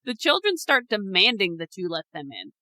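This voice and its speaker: Woman, podcast co-host, teasing storyteller, crisp bright voice. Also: medium pitch, sing-song, normal speed, dry recording. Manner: laughs often, teasing, storyteller. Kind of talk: casual chat, narrating a spooky scenario.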